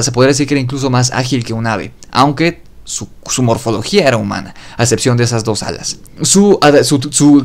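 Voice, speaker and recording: A man hosting his own podcast, telling an eerie story in a loose, conversational way and often correcting himself mid-sentence. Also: medium pitch. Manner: loose spoken retelling with fillers and self-corrections. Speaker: podcast host. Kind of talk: casual storytelling narration.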